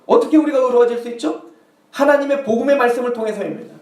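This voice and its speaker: A man's voice: very high voice, fast, darkish tone, echoey room, far from the mic. A male pastor preaching a sermon, acting out the tempter's taunts in a mocking, questioning voice. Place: church sanctuary.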